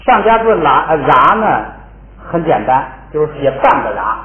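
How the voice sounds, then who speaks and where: A man teaches a spelling lesson in a slightly high voice, patiently repeating each syllable so students can read along. The sound is thin and phone-like, with a roomy echo and a faint hiss underneath. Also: sing-song, normal speed, crowd noise. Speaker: Tibetan language teacher. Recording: tinny, echoey, lo-fi recording with faint hiss.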